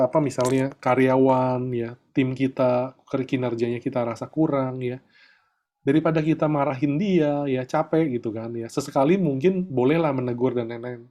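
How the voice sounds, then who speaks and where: A middle-aged man coaching a group in a relaxed, chatty way, often tagging his sentences with little fillers. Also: medium pitch, moderate pace, dull audio. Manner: chatty, peppers talk with filler tags. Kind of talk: casual online coaching talk.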